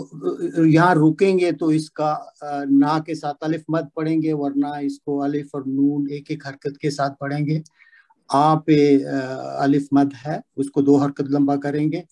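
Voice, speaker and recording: Hesitant male student, a bit high. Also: level tone, mellow. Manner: hesitant, many pauses and fillers, reciting slowly. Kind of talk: answering in an online class.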